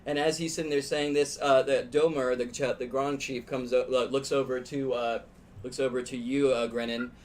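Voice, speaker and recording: A man's voice: mid-range voice, flat delivery, a little mellow, a little hiss or hum. Man narrating a tabletop game. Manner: halting, repeats words as he improvises. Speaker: game master.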